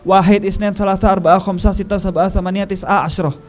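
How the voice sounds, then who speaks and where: A man voicing a stubborn little kindergarten child who shouts and cries, inside a sermon story. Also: little pitch movement, fast talker, soft background music, close to an everyday voice. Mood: eager. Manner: shrill crying shouts.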